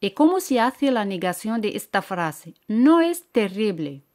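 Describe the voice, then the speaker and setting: A woman teaching French to beginners, repeating each word and phrase slowly and patiently. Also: mid-range voice, very animated, darkish tone. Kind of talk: slow language lesson with repeated model phrases.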